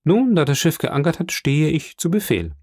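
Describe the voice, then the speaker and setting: A man reading the part of a young, dutiful ship's first mate in an audiobook, brisk and polite. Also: on the high side, huge pitch swings, a little mellow, no room sound, studio quality, pitched above the performer's own voice.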